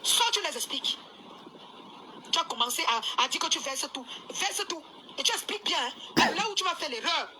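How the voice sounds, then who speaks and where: A woman's voice: high-pitched, lively intonation, a little fast, pushed and bright, a little hiss or hum. A woman ranting insistently in a live video, repeating herself as she scolds. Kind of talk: angry live video rant.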